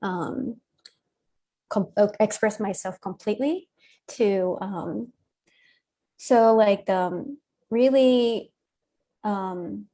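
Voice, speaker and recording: Slow-spoken woman. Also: mid-range voice, mellow. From Japan. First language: Japanese. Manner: halting, searching for words, many fillers. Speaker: guest musician. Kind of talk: casual interview talk.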